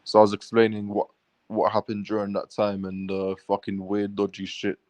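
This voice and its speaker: A man's voice: fairly low pitch, monotone, moderate pace, darkish tone, dry recording. A man recounting a run-in to his vlog viewers in a casual, swearing, run-on style. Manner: swears freely, restless run-on sentences. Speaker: vlogger. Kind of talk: casual rambling storytelling.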